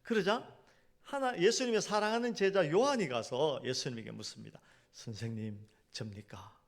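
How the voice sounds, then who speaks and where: A middle-aged male pastor preaching in a church, telling humorous stories and then building to loud, emphatic points. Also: high-pitched, lively intonation, brisk, creaky. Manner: swings from hushed storytelling to loud emphatic preaching. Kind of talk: sermon with storytelling. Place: church sanctuary.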